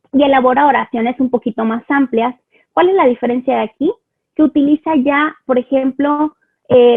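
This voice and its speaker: A woman's voice: sits high, gravelly. A woman with a Mexican Spanish accent teaching parents about children's language in a chatty live online talk, often checking in with rhetorical questions. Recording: phone-like, lo-fi online stream audio.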